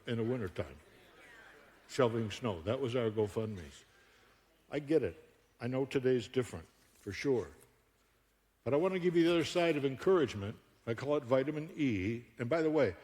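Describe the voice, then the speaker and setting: Preaching as a guest in a church auditorium, an older Buffalo, New York man delivers a funny sermon full of jokes, lively stories and frequent laughter. His pitch is ordinary mid-range, and his stage mic picks up the long echo of the big hall.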